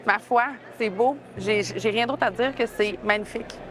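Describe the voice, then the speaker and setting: A woman's voice: mid-range voice, moderate pace, a crowd in the background. A woman with a Quebec French accent co-hosting a show in casual, enthusiastic, playful chat. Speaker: show co-host.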